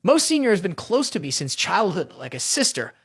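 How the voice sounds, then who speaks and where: A proud young female cultivator from a fantasy story recap, quick to get flustered and stammer, as a man reads her lines, high and animated in pitch. The voice is close and dry. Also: husky, dry recording, full character voice.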